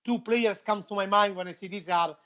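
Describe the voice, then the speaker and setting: A man's voice: high-pitched, fairly even intonation, brisk, sharp tone. Playful man with a foreign accent, muffled audio. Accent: foreign, non-native English. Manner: playful, emphatic repetition. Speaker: football show presenter. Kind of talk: casual chat.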